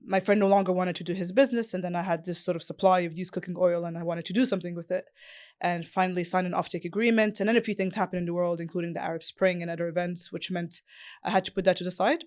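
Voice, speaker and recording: Female founder from Morocco, guest on a podcast, with a smooth, clear voice. Talks fluently, thinks out loud, and uses many "uh"s. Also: on the low side. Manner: fluent, thoughtful, with frequent fillers. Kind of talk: interview answers.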